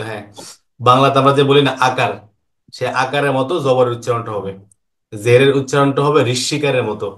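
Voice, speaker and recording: A man teaches an online Quran lesson. His pitch sits in an ordinary middle range. He poses questions and patiently answers them himself, going over each point slowly more than once. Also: fairly bright tone. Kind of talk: online lesson explaining Arabic vowel marks.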